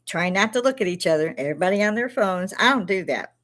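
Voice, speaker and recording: Speaking fast and expressively in a mid-range, fairly bright voice, an older Chicago-accented woman from Chicago hosts a live stream. Her casual storytelling wanders from anecdote to anecdote, punctuated by frequent laughs and free swearing.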